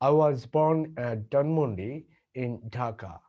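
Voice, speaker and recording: A man with a Bangladeshi accent teaching English, slowly repeating example questions and answers. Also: medium pitch, lively intonation, highs cut off. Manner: slow, deliberate repetition of example sentences. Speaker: English tutor. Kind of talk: language lesson with model dialogues.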